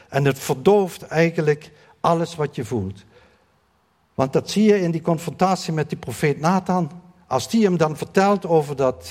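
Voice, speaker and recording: A man's voice: a little high, a little mellow. Earnest man preaching in a reverberant hall. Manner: earnest, repetitive emphasis with frequent fillers. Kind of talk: sermon.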